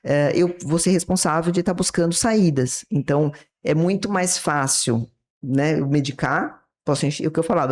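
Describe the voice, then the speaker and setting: A woman's voice: lowish voice, darkish tone. A woman with a Brazilian Portuguese accent, a psychiatrist guest explaining ideas in an interview and acting out short example dialogues. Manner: didactic, acts out little dialogues from examples.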